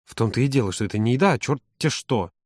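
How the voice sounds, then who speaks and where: A man voicing a calm, grumbling grown man in an audiobook, lower and quieter than his narration. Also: quick pace, dry recording, clean studio sound, close to an everyday voice. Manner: low, quiet, subdued. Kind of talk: audiobook character voice.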